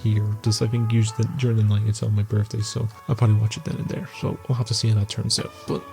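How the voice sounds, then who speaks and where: This host of an entertainment news video series has a low, level voice with vocal fry and a quick pace. He rambles informally through vlog-style film news commentary over background music.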